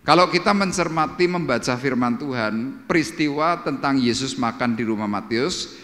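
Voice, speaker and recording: A man with a Javanese accent preaching a sermon at a church service, telling stories with lively delivery and acting out the voices of people he quotes. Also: medium pitch, normal speed. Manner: lively storytelling, acts out quoted voices loudly. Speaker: pastor. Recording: reverberant church hall.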